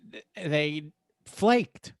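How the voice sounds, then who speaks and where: A man's voice: a little high, animated, extremely slow, vocal fry, no echo. Guy in his 30s on a home podcast, laid back, jokey, swears a lot, dry close mic. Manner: loose, joking, swearing, puts on silly voices. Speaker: podcast co-host. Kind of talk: casual chat.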